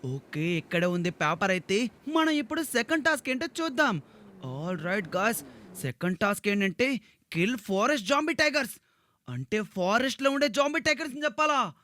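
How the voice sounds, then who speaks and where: A man giving theatrical, excitable commentary on a game video aimed at children. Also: extremely high pitch, normal speed, no echo. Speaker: gaming video narrator.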